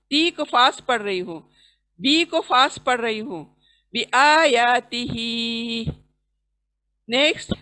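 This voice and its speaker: A woman teaching Quran recitation, chanting words slowly with long drawn syllables between quick explanations. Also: sits high, bright, forceful tone. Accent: Indian. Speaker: tajweed teacher. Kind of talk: recitation lesson.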